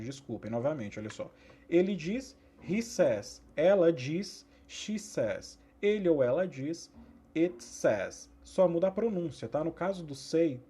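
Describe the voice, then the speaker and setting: A man, teaching a recorded English lesson to sixth graders, repeating each rule slowly and asking students to pay attention. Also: fairly high pitch, dark tone, husky.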